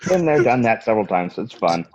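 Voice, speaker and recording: A man's voice: fairly low pitch, sing-song, fairly quick, a little mellow. A man playing in an online tabletop game who jumps in eagerly with questions. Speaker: player. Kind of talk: casual tabletop play. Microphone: online voice call. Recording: dull lo-fi online call audio.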